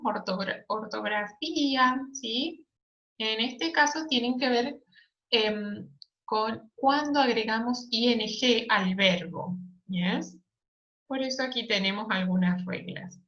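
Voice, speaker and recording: A woman teaching an English lesson, explaining slowly and patiently and checking in often with "yes?" and "ok?". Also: fairly high pitch, a bit bright, dull audio. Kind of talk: recorded online lesson.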